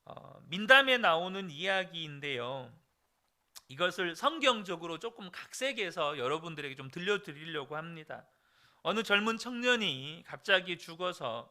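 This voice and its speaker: A man's voice: high-pitched, sing-song, moderate pace, bright, forceful tone. A male pastor preaching an earnest dawn service sermon, speaking directly to his congregation.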